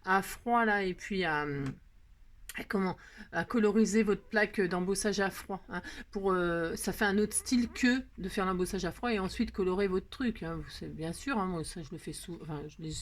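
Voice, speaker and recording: A woman hosts a chatty crafting video, rambling, poking fun at herself and talking to herself while she works. Her voice is mid-range and she speaks at a moderate pace.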